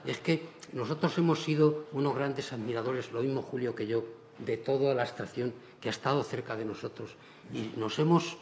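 A man's voice: medium pitch, a little mellow, slight background noise. An older man, a painter speaking on a panel in a large auditorium, who chuckles often and restarts his phrases. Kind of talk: panel discussion.

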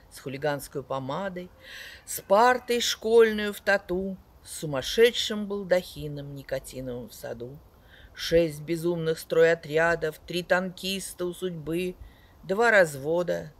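An older woman gives a dramatic poetry declamation, recorded outdoors a step or two from a phone. Her delivery is expressive and measured. She pushes emphatically into key words, then lets the ends of lines drop away. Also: on the low side. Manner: expressive, measured declamation with emphatic swells and falling line endings. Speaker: poet reciting another poet's verse. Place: outdoors in a leafy garden beside a wooden house and on wooded paths.

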